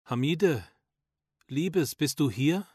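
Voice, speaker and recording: A man's voice: on the high side, lively intonation, slow pace, a little mellow, breathy edge, dry recording, studio quality, voice pushed up, heavily acted. A man voicing a frail elderly father with a thin, fluttery voice in an audiobook. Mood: tender. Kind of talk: audiobook character voice.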